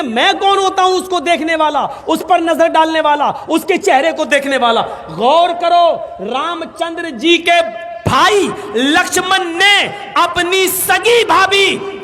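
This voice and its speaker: A man preaching a sermon, telling stories and jokes, impassioned and bursting into shouts. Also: very high voice. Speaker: Islamic preacher. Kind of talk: sermon with storytelling. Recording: long hall reverb.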